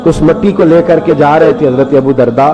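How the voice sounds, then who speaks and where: A man preaching an Islamic sermon, telling stories with passion and building to high emotional peaks. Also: steady tone, brisk. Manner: impassioned storytelling, rising to high emotional climaxes. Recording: dull lo-fi sound with background music. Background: background music.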